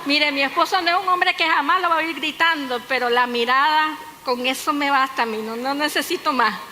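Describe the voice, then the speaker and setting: Woman pastor preaching, high bright voice, lively storyteller, echoey church hall with faint noise. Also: fairly quick. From Nicaragua. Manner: lively storytelling with humor and asides to the congregation. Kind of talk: sermon.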